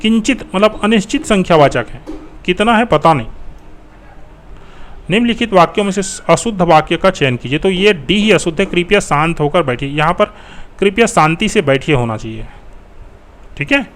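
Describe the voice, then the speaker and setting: Slightly high-voiced male teacher. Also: expressive, moderate pace, long pauses, fairly bright tone. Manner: conversational, thinking aloud. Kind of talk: explaining exam answers.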